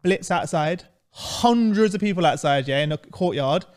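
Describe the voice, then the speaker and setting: A man with a London roadman accent telling stories in casual chat, animated and slangy, with some swearing. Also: sits high, moderate pace. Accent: London roadman, urban slang.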